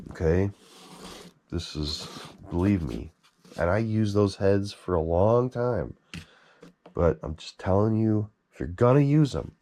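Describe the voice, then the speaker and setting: Blunt, swearing man with a low voice. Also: warm tone. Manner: blunt, swears freely, exasperated. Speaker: mask collector. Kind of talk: casual vlog ranting.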